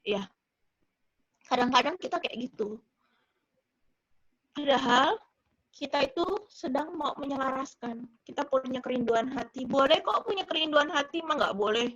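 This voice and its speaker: A woman casually sharing her faith story, acting out prayers in a hushed voice and laughing often. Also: high-pitched, moderate pace, long pauses, no echo, lo-fi sound. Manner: laughs often, mixes slang. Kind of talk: casual discussion.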